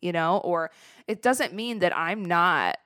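A woman's voice: on the low side, animated, unhurried, fairly bright tone, dry recording, studio quality. A young woman, hosting a podcast and talking candidly about her fears, chatty, confessional and casual with swearing. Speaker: podcast host. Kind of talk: candid solo podcast talk.

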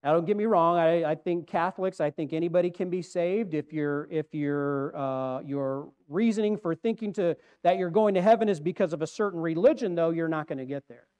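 High-voiced earnest male pastor preaching. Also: brisk, hardly any pauses, clean tone. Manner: earnest preaching, swings from loud emphasis to quiet. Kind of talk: sermon. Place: church.

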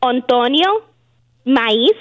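Puerto rican lady on the phone to a radio show, slow and kinda high. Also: lo-fi sound. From Puerto Rico. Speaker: radio caller.

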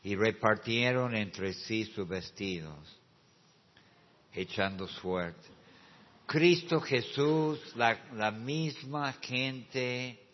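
Argentine-sounding preacher man, goes soft then yells stretched-out words, big church echo, kinda muffled. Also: on the low side. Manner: swings from quiet, slow asides to shouted, drawn-out climaxes. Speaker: pastor. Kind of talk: sermon. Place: church hall. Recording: muffled sound with long hall reverb.

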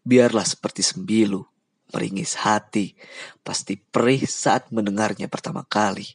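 Husky-voiced male audiobook narrator. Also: fairly low pitch, steady tone, moderate pace, no echo, clean studio sound. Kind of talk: first-person novel narration.

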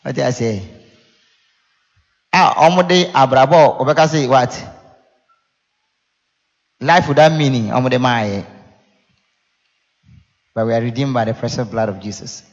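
A man's voice: medium pitch, measured pace, pauses often, dull audio. A Ghanaian man, a native Twi speaker, preaching in a conversational teaching style with rhetorical questions and repeated phrases. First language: Akan (Twi). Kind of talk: sermon teaching, mixing explanation with scripture and storytelling. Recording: echoey hall with long reverb.

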